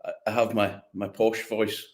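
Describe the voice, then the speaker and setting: Scottish man with broad Doric accent, lowish voice. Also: little pitch movement, normal speed. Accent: Doric, northeast Scottish. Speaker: interview guest, whisky maker. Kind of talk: casual chat.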